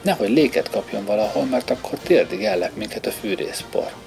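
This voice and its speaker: A man's voice: medium pitch, very animated, vocal fry, darkish tone, pitched above the performer's own voice. A man reading the part of a sarcastic, bullying drum major in an audiobook, with music playing underneath. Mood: mocking. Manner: taunting, sarcastic.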